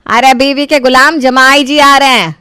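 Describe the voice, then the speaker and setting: A sharp, high-pitched older mother-in-law barks orders and scolds her household in a cartoon story, as a woman puts her on. The sound is dry and close, with no room around it. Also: fairly even intonation, moderate pace, smooth, no room sound. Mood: sarcastic.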